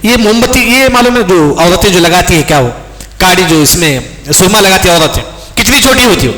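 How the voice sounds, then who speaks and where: A man's voice: sits high, lively intonation, sharp tone. A man preaching a sermon in a mosque. He asks his own questions, answers them himself and keeps repeating reminders to remember. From India. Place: large mosque hall. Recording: echoey mosque hall, long reverb.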